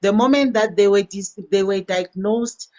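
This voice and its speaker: A woman, a nurse trainer, speaking on a live stream in a measured, explanatory way. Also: medium pitch, a little mellow. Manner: measured, explanatory, many fillers and restarts. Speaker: nurse trainer joining as a guest. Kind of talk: unmuted caller on a live stream. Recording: lo-fi call audio.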